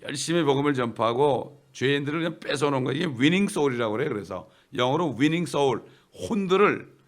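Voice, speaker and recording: A man's voice: mid-range voice, animated, fast talker. A man preaching a sermon as pastor, asking the congregation questions, answering them himself and repeating key phrases for emphasis. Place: church.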